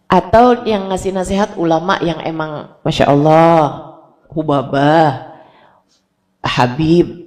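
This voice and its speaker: Gravelly-voiced woman preacher. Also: fairly low pitch. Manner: colloquial, emphatic, lively. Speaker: Islamic preacher. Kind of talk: sermon.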